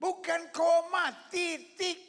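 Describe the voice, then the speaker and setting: Man, pastor, very high and ringing voice, shouting sermon, live in a large reverberant church. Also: fairly even intonation, slow, vocal fry. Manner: preaching with shouted repetitions and crowd call-and-response. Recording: long reverb of a large hall.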